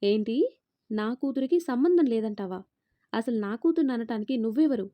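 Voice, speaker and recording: A woman voicing a sharp-tongued, haughty middle-aged mother-in-law in a spoken family story, taunting and scornful. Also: a little high, expressive, moderate pace, dull audio, natural voice.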